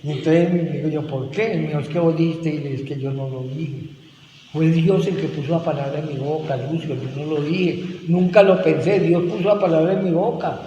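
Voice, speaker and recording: Middle-aged man, earnest testimony, slightly high voice, reverberant hall, faint noise. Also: dark tone. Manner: earnest, emotional storytelling with quoted dialogue. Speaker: testimony speaker at a rehab ministry. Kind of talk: personal testimony.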